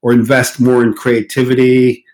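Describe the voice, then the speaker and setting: A man in his sixties from Morocco with a mid-American-sounding accent, a guest in a casual interview at his countryside home, talking in a relaxed, hesitant way with many fillers. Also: medium pitch, normal speed, poor audio. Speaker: guest car designer.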